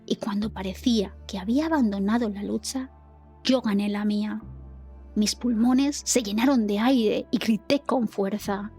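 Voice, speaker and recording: Breathy woman narrating a dramatic story. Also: mid-range voice, normal speed, darkish tone, soft background music. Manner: earnest, dramatic retelling. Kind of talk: scripted first-person narration.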